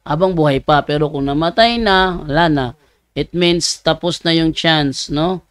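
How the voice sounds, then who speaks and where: A man's voice: a little high, measured pace, fairly bright tone, clear, resonant tone, dry recording. A man, a priest, answering viewers' questions on a live show, reading their messages aloud and then explaining in plain terms.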